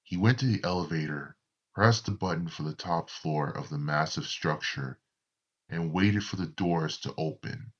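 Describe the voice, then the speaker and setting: A man narrating a horror story in a slow, deliberate storytelling manner. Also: very deep voice, dull audio.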